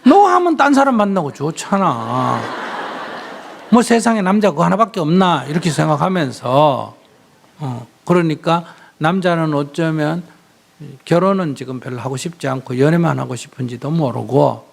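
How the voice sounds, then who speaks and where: A man's voice: on the high side, lively intonation, normal speed, gravelly. A man, a Buddhist monk, giving blunt, teasing advice to a questioner in a live Q&A talk. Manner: blunt, teasing, acts out quoted lines. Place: lecture hall with audience.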